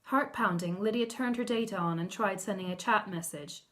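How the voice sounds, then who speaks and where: A woman author narrating her own novel in a measured, softly expressive reading. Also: medium pitch. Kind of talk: audiobook narration.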